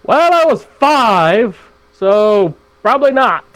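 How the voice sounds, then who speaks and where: A woman playing in a tabletop role-playing game, speaking in character in a drawn-out, deliberate way. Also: a little high, sing-song.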